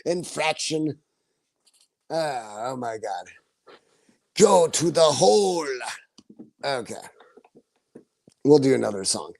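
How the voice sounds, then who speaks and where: A man's voice: medium pitch, very animated, slow pace, vocal fry, pauses often, a little mellow, no room sound. A man in his forties chatting casually on his livestream, rambling, laughing often and swearing freely. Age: 40s. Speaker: livestream host.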